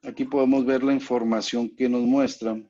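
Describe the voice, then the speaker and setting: A man's voice: mid-range voice, flat delivery, normal speed, dark tone. A man teaching an online class, explaining step by step and often checking that his students follow. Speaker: instructor. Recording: muffled lo-fi online call audio.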